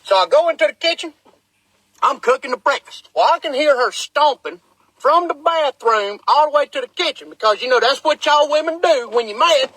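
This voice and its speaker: Man with a bright, lively voice; comic storyteller, deadpan and incredulous. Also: very high-pitched, normal speed, dry recording, rough recording. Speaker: comedic storyteller. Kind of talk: comedic storytelling vlog. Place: inside a parked truck. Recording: dry, close sound in a small cab.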